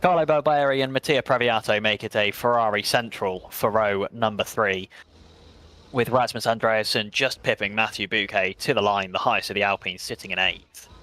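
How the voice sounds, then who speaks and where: A man with an English accent giving brisk, chatty play-by-play commentary on a sim race, with self-mocking asides. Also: on the low side, steady tone, sharp tone, no echo. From England.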